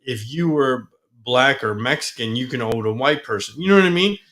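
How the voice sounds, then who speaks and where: A man with a bright, forceful voice, talking loosely in a casual chat. He co-hosts the show and rambles, often trailing off mid-thought. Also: medium pitch, expressive, brisk. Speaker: podcast co-host.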